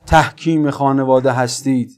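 A man preaching a religious sermon. He speaks with passion, addresses his listeners directly and builds to loud rhetorical questions. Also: medium pitch, fairly even intonation.

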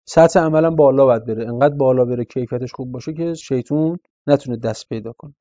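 A man delivering a religious sermon, earnestly explaining and often turning to his listeners for agreement. His voice sits a little high for a man yet sounds mellow and warm. The recording is dry and slightly dull. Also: dry recording. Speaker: religious speaker.

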